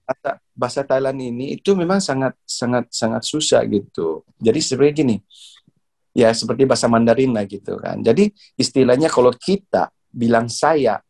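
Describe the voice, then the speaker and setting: A middle-aged man from Indonesia, a badminton coach, telling stories in a relaxed interview, laughing often and repeating words as he searches for them. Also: medium pitch, fairly quick, gravelly. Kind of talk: casual interview storytelling.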